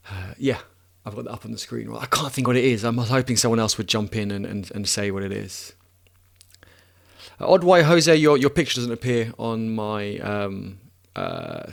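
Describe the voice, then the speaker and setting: A man's voice: on the low side, creaky. Easygoing man hosting a live stream. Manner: relaxed, thinking aloud with many restarts, laughs at himself. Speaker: livestream host answering chat questions. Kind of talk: casual live-stream chat.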